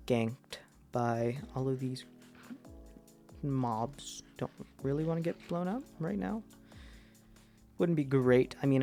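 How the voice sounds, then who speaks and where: A young man with a deep, mellow voice and vocal fry chats casually with his stream chat while playing a game. He rambles, pokes fun at himself and trails off with fillers.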